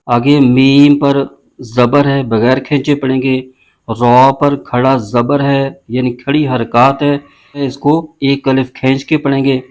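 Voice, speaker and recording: A man teaching a recitation lesson, explaining pronunciation rules and spelling out syllables slowly and deliberately. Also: mid-range voice, little pitch movement, a little mellow. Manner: slow, drawn-out spelling of syllables between brisk explanations. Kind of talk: word-by-word tajweed lesson.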